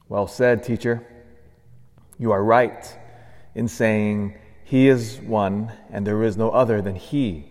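A man's voice: fairly low pitch, a little mellow. A man, a priest, reading the gospel and preaching with earnest, emphatic repetition, his voice ringing with a long cathedral-like church echo. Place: large church.

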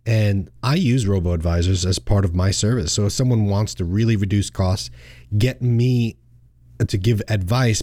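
A middle-aged financial advisor who hosts a radio show chats casually, often restarting his thoughts and laughing. His voice is lowish with a dark tone, recorded dry with clean studio sound.

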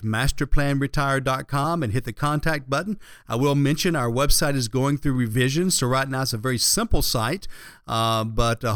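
A man's voice: medium pitch, fairly bright tone, clear, resonant tone, no room sound, clean studio sound. A man hosting a radio show, giving conversational, folksy advice as a financial planner.

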